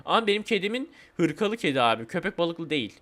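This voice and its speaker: High-voiced man doing playful game commentary. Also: big pitch swings, fast talker, a bit bright. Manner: playful, whiny, says "abi" and "vallahi" often. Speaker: gaming channel host.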